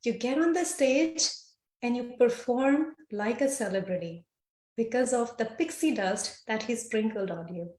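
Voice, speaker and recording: A woman's voice: fairly high pitch, measured pace, darkish tone, roomy sound. A woman hosting a podcast, introducing her guest with effusive praise. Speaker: podcast host.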